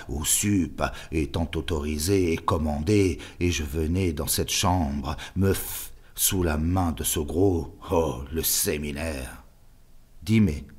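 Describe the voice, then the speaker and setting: Slow deep-voiced male reader. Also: darkish tone, slightly rough. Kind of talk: dramatic literary reading.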